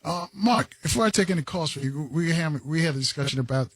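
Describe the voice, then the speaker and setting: A man's voice: a little high, fast, a bit bright, no echo. A man hosting a call-in radio show, speaking in a laid-back, hesitant way with many fillers. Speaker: radio talk show host.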